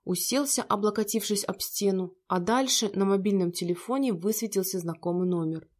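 Woman narrating a story, reads all the parts in one steady voice, mid pitch. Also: fairly quick.

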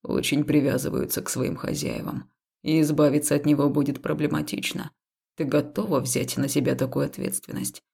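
A woman voicing a young male necromancer who speaks in a cool, unhurried, indifferent way in an audiobook. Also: low-pitched, little pitch movement, vocal fry, mellow, slightly rough, pitched below the performer's own voice, exaggerated voice. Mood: aloof, calm. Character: calm aloof male necromancer, young man. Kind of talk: audiobook character voice.

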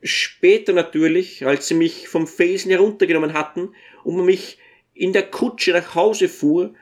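A reader voicing a tiny, humble old dwarf who tells his story with gentle deference in an audiobook. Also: mid-range voice, moderate pace, lightly acted. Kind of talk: audiobook character reading.

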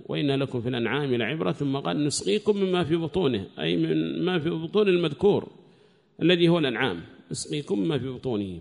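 A man teaching a scripture commentary lesson in a quick, gravelly voice that sits a little high. He explains patiently and circles back to repeat key phrases as he reasons aloud. His voice carries a long echo, as if recorded in a large hall. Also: darkish tone. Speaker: religious teacher.

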